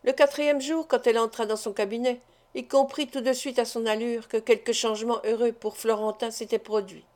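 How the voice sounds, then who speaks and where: A woman's voice: on the high side, steady tone, a little fast, darkish tone. A woman narrating a classic novel as an audiobook reader, reading expressively.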